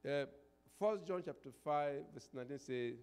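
A man's voice: a little high, normal speed, a little mellow, clear, resonant tone. An older man preaching a sermon as a pastor, emphatic, repeating phrases and posing call-and-response questions into a handheld microphone. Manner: emphatic, swelling into prayer declarations. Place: indoor church stage. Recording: reverberant church hall.

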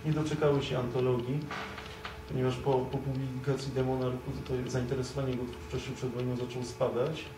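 A young man speaking on a panel at a live event, halting, with many fillers and restarts, recorded by a far camera in a dim room. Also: mid-range voice, little pitch movement, reverberant, background noise. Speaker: panelist, editor of a story collection. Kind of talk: panel discussion.

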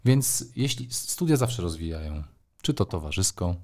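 A man's voice: sits low, big pitch swings, normal speed, a little mellow. A middle-aged man, a sports journalist, answering interview questions thoughtfully, with frequent hesitations and fillers.

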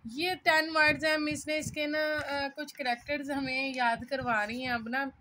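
Chatty high-voiced woman explaining while writing. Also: level tone, normal speed, bright, forceful tone. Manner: chatty and informal, thinks aloud, often checks in with "ठीक है". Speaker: student sharing her study notes. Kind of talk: casual self-made lesson, explaining while writing characters. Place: cluttered room at home.

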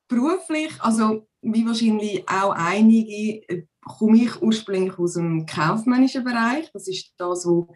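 A woman in her forties from Zurich, Switzerland, speaking with a Zurich Swiss German accent, chats casually as a podcast guest over a video call from a room at home. Her mid-range voice has a darkish tone, and she uses lots of hesitant fillers.

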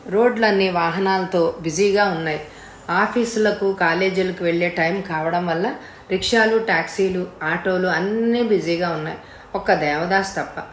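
A woman reading a story aloud in a steady, plain storytelling way. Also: fairly low pitch. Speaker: audiobook reader. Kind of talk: scripted story narration. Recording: echoey room with faint hiss.

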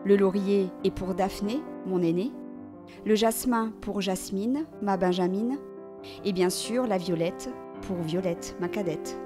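A woman voicing a gentle, loving mother giving last advice in a storybook reading. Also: medium pitch, unhurried, over music, close to an everyday voice. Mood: tender.

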